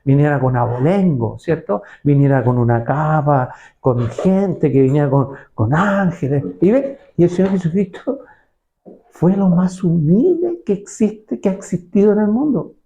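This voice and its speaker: Man preaching with a mellow, dark tone. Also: a little high, lively intonation, measured pace, lo-fi sound. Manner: rhetorical questions, repeats words and checks the listeners. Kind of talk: sermon.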